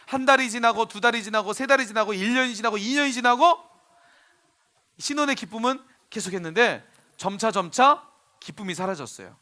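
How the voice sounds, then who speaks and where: A male pastor telling a sermon story for children, animated and often asking the audience questions. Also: very high-pitched, fairly quick.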